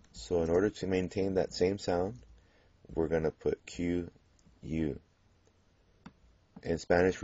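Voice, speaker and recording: A man teaching a Spanish grammar lesson, explaining patiently and pausing on fillers as he works through examples. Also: low-pitched, dark tone, no room sound. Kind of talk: classroom grammar lecture. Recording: dull lo-fi classroom recording.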